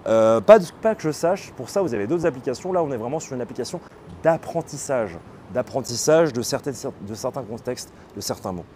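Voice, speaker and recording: Mellow-voiced man hosting a late-night stream. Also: medium pitch, expressive, fairly quick, a little hiss or hum. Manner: explanatory, hesitant, with many fillers. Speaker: livestream host. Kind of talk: casual live-stream chat.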